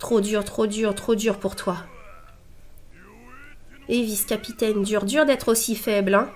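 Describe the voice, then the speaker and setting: A woman with a stuffy nose and a nasal voice, commenting excitedly on an anime episode and reading its subtitles aloud. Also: mid-range voice, unhurried, slight background noise. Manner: excitable, exclaiming and laughing between read-out subtitles. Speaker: anime reaction host.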